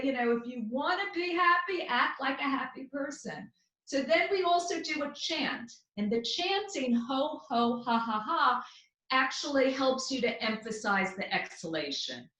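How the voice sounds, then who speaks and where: A woman teaching laughter yoga as an interview guest, explaining with energy and demonstrating as she goes. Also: high voice. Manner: energetic, instructive, with bursts of laughter. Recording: echoey room.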